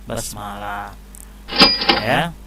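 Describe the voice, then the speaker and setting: A man's voice: high voice, animated, very slow, creaky, very noisy. Patient male religion teacher for children. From Indonesia. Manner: patient, explains step by step with frequent "ya". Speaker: Islamic studies teacher. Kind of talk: classroom lesson for children.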